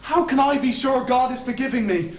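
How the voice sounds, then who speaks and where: A man's voice: very high-pitched, fairly quick. A young man playing a grovelling convict. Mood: pleading. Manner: grovelling, stammering, rambling. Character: fawning anxious male Irish convict hangman. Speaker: student actor. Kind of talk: stage play acting. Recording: echoey stage from far off.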